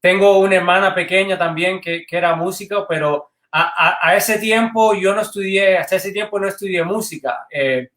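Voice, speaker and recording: High-voiced man from Cuba, echoey room. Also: moderate pace, few pauses, fairly bright tone. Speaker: guest, band director. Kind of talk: interview answers.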